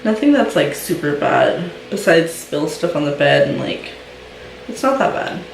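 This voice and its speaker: Low-pitched and creaky, her voice moves in a sing-song way at a slightly slow pace. The young woman chats casually like a mom vlogger, using lots of "um" and "like," with a little hiss or hum and a roomy, distant recording.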